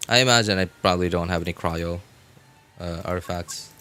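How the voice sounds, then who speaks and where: A deep-voiced man livestreams a game, talking casually and laid-back with viewers and muttering little asides to himself. He speaks fairly quickly, his voice pushed and bright, with soft background music behind him.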